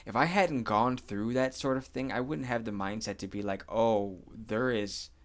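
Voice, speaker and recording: A man's voice: medium pitch, moderate pace, fairly bright tone. A man in his thirties hosting a podcast, talking in a reflective, earnest way with many "like"s and "you know what I mean"s. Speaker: podcast host. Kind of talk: casual podcast conversation.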